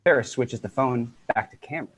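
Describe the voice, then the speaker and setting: Husky narrator reading stage directions briskly at a casual table read. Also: male voice, mid-range voice, a bit bright, poor audio. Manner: brisk, matter-of-fact. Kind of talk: unrehearsed script read-through.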